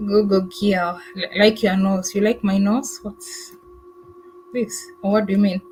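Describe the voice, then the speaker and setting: A woman's voice: medium pitch, level tone, measured pace, a little mellow, a little hiss or hum, rough recording. A woman travel vlogger chatting casually on a livestream, thanking viewers and answering their comments. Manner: chatty, thankful, laughs often, many fillers.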